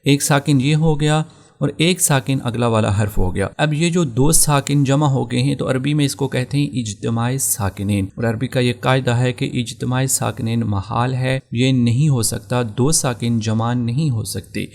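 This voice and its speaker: Gravelly-voiced man patiently teaching tajweed. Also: medium pitch, fairly even intonation, darkish tone. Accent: Pakistani Urdu. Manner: patient, repeats each rule and spells out examples. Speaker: Quran recitation teacher. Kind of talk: explaining tajweed rules step by step.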